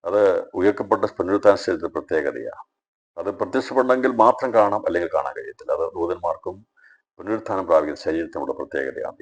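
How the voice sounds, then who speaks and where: Pastor guy teaching bible class on a video call, really low voice, gets loud then drops quiet. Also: slightly rough. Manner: emphatic, phrases that swell loud then drop low and soft; addresses listeners directly, urging them. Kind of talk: Bible study lecture.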